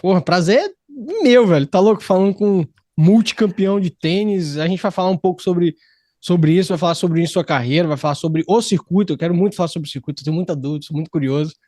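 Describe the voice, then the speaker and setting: A man from Brazil, hosting a podcast studio interview in an excited, slangy, rambling way. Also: sits high, quick pace, dry recording. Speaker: podcast host. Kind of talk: casual interview chat.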